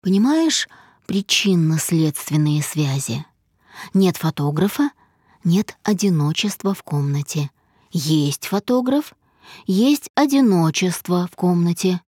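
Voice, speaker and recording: Woman voicing a controlling husband, low, slow, stern, dry close recording. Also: expressive, darkish tone, no room sound, full character voice. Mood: cold, lecturing. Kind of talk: audiobook character voice.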